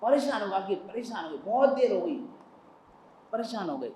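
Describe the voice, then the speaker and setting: A man preaches a religious sermon, telling stories in emphatic, repeated phrases. His voice sits high and carries through a roomy hall. Faint ambient noise stays in the background. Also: animated, normal speed, mellow. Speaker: Jain preacher.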